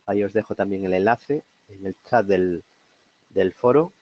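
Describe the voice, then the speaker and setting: A man from Spain with a sore throat presents a trading seminar in a halting, conversational way. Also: on the low side, lo-fi sound. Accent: Spain Spanish. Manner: hesitant, many fillers and restarts, conversational. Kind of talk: live market analysis webinar.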